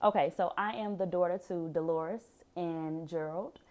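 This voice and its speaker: A woman's voice: lowish voice, steady tone, normal speed, phone-quality sound. A woman, chatting as a guest on a talk show, bubbly and a bit rambling. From Chicago, USA. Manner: bubbly, laughs often, rambling. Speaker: actress, guest. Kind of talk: casual interview chat.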